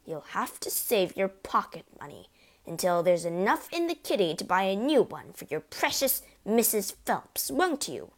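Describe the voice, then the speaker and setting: A woman's voice: medium pitch, sing-song, moderate pace. A woman voicing a bullying, middle-aged father who snaps and barks. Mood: taunting. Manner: snapping, barking, sneering.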